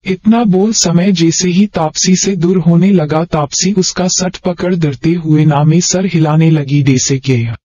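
A man with a slightly high voice reads an audiobook steadily. The sound is dry with no room, and muffled in the top end. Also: measured pace, few pauses, no room sound. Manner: steady storytelling read. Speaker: audiobook narrator. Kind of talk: scripted narration.

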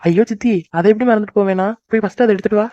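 A woman voicing a caring young married woman in a cartoon, a soft-hearted elder sister who cries easily. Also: medium pitch, racing, no echo, close to an everyday voice. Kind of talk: cartoon voice acting. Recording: dry, dull lo-fi recording.

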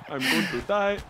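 A young man bantering excitedly while playing a fighting game, swearing and shouting catchphrases. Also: on the high side. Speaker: guest gamer. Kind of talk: casual gaming banter.

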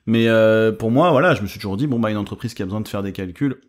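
A man's voice: fairly low pitch, fast talker. A middle-aged man co-hosting a podcast, asking a rambling question with many fillers. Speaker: podcast co-host. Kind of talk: casual podcast chat.

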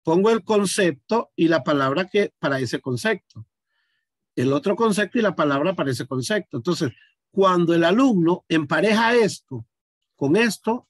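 A man teaching a class, explaining each step out loud and stopping to ask his students questions. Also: high-pitched, no room sound, clean studio sound. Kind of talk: online class demonstration.

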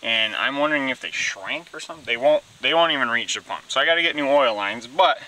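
A man's voice: mid-range voice, expressive, quick pace, pushed and bright, poor audio. A man casually narrating his own repair work in a laid-back, rambling way, with fillers as he goes. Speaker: DIY mechanic vlogger. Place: garage and backyard, indoors and outdoors.

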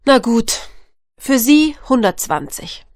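Seller in a course dialogue, high voice, slow, dry studio sound. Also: female voice, very animated, darkish tone, no room sound. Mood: persuasive selling. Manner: slow, clear speech. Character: woman selling a washing machine. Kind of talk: scripted textbook dialogue.

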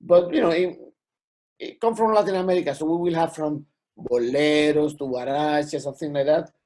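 A man's voice: fairly high pitch, moderate pace, a little mellow. A middle-aged man from Puerto Rico with a Puerto Rican accent in English, a guest musician rambling casually on a video call. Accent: Puerto Rican Spanish-accented English. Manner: rambling, many "you know" fillers.

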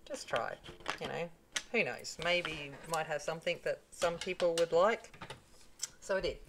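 Her voice sits low at a normal speed, with background noise around it. She's a middle-aged papercraft channel host from North Queensland with a broad Australian accent, casually poking fun at herself while crafting indoors at her desk, recorded on a tabletop mic with an overhead camera on her hands.

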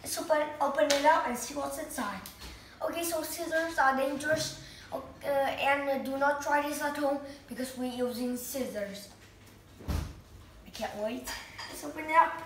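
A woman vlogger unboxing a toy, excitedly exclaiming and talking to viewers in slightly broken English. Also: high-pitched, unhurried. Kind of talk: casual unboxing vlog. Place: indoors at home. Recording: echoey room, faint noise.

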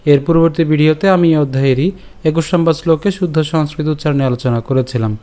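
A man teaching the pronunciation of scripture verses, explaining step by step and chanting the lines slowly, syllable by syllable. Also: on the high side, dark tone. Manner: patient step-by-step explanation with questions. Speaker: Gita teacher. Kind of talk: recitation lesson.

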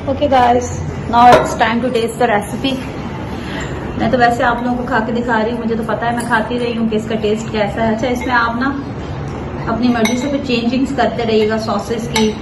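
Chatty young woman, high voice, echoey kitchen. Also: little pitch movement, normal speed, very noisy. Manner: chatty, gestures a lot while talking, many fillers. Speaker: cooking vlogger. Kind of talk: casual recipe vlog. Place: home kitchen and dining table, indoors. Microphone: camera mic from a few feet away.

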